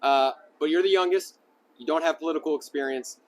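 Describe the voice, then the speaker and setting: A man's voice: a little high, brisk, a little hiss or hum. Rambling male news interviewer. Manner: casual, rambling questions with restarts.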